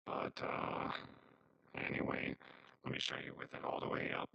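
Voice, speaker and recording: A man's voice: normal speed, highs cut off. A young man demonstrating a vocoder on his own voice, talking casually with a rambling manner and many fillers, his voice turned robotic by the effect. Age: young adult. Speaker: synth gear reviewer. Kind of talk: casual product demo. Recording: roomy vocoded recording with faint synth.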